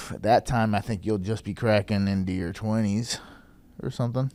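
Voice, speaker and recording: A man in his thirties, a company chief on a podcast, joking in a deadpan way with drawn-out pauses. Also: on the low side. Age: 30s. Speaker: podcast guest, company CEO. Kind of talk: casual podcast chat.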